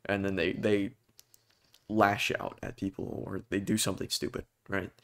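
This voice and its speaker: A young man talking earnestly to his viewers in a halting, hesitant way, full of restarts and pauses as he searches for words. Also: sits low, level tone, gravelly. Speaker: vlogger. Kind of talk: personal talk to camera.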